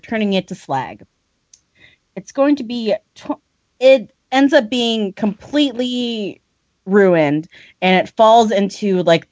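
A woman podcast host recapping a story in casual chat, animated and laughing often. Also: mid-range voice, dry recording, highs cut off. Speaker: podcast host summarizing a book.

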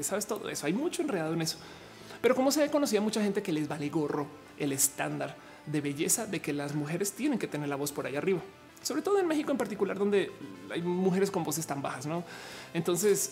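Mexican woman streamer, low androgynous voice, rambly slangy chat with lots of fillers, faint music behind. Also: darkish tone. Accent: Mexican Spanish. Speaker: streamer answering viewer comments. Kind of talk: casual chat.

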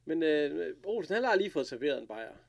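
A man casually recapping an episode, retelling scenes with lively quoted lines and laughter. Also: a little high, creaky. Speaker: podcast co-host recapping an episode. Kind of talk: casual chat.

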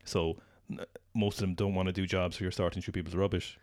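A man's voice: deep voice, flat delivery, a little mellow, dry recording, studio quality. A man co-hosting a podcast, chatting casually and rambling with lots of fillers. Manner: rambling, quick, many fillers. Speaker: podcast co-host. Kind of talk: casual chat.

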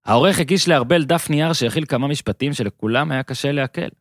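A man narrating his own written column for a podcast in a measured storytelling way, dropping quieter on quoted lines. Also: medium pitch, dry recording, clean studio sound. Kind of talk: scripted narration.

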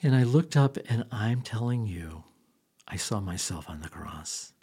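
A man's voice: on the low side, expressive, a little slow, warm tone, husky. A man preaching a sermon, reading scripture and speaking earnestly in a conversational way.

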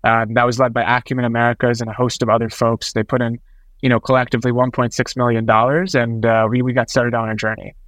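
A man with an informal tech-founder manner, telling stories in an interview as a startup co-founder. His pitch stays very even and mid-range, and the sound is close and dry. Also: fast, no echo. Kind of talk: conversational storytelling in an interview.

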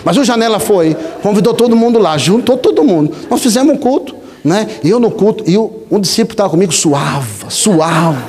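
A male pastor preaching a sermon, telling stories in an animated, conversational way and often tagging lines with a questioning aside. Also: sits high, fairly quick, few pauses. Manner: animated, conversational, frequent rhetorical "né?". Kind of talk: sermon with storytelling. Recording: long hall reverb.

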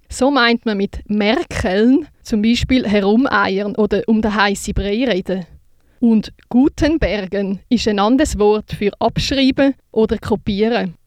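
A woman's voice: fairly high pitch, no room sound, clean studio sound. A young woman presenting a scripted youth radio segment in an upbeat, read-aloud way.

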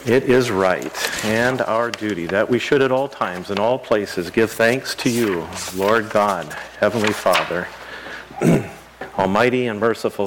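A man speaking as a pastor, leading liturgical prayer in a solemn, measured, phrase-by-phrase way. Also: fairly low pitch, a little hiss or hum, rough recording. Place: live church service before a congregation.

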